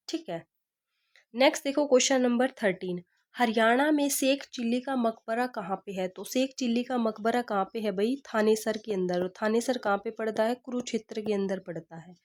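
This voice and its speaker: A woman teacher gives an exam-prep lesson, repeating each question and answer and teaching memory tricks. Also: on the high side. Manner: repeats questions and answers, asks rhetorical "kya hai?".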